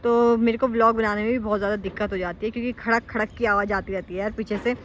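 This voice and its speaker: A woman's voice: mid-range voice, steady tone, fast, dull audio, a little hiss or hum. A young woman chatting casually to camera on a rooftop, rambling and correcting herself as she talks to her viewers. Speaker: vlogger. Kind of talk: casual vlog chat to camera. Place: rooftop, outdoors.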